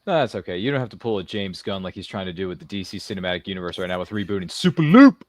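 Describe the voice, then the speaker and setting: This host's voice sits low and moves very fast with lively intonation, carrying a slight hiss or hum. Running a casual live interview show, he reads viewer comments and cracks slangy, theatrical jokes addressed to absent people.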